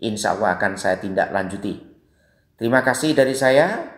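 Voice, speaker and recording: A man with an Indonesian accent teaching English, explaining patiently and repeating example phrases slowly. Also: fairly low pitch, lively intonation, reverberant. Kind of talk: explanatory lesson.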